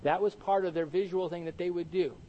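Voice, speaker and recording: A man with a high, bright-pitched voice leads a Bible study sermon. He teaches in an animated, conversational way, quizzing the congregation and answering his own questions. A faint ambient hum sits behind him. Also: a little fast, lo-fi sound. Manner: animated, asks the audience questions and answers them.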